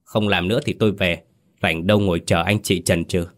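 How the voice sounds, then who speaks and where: An impatient exorcist master barks orders in a low voice, as a man puts him on. He scolds sharply and wants things done fast. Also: fairly even intonation, natural voice. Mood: scolding. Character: angry middle-aged male exorcist master.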